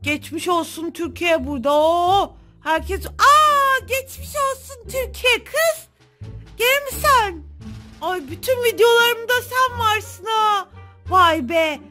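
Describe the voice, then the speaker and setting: Woman, gaming channel host, very high voice, chatty, excitable, talks to viewers. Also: slow pace, faint music behind. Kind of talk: casual gameplay commentary.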